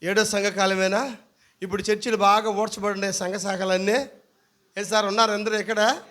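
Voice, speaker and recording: A male pastor preaching a sermon to his church, firing rhetorical questions at the congregation and swinging between quiet asides and loud emphatic points. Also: sits high, little pitch movement, normal speed. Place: church service.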